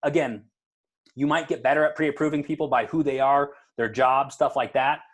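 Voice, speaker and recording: A man's voice: medium pitch, steady tone, normal speed. A man running a casual real estate training over a video call, talking in a loose, coaching way and acting out conversations with clients. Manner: conversational, coaching, acts out client dialogue, many fillers.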